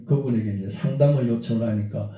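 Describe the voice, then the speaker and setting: A man slowly and earnestly telling his life story as an interview guest, full of fillers. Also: mid-range voice, dull audio. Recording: echoey room, voice from a distance.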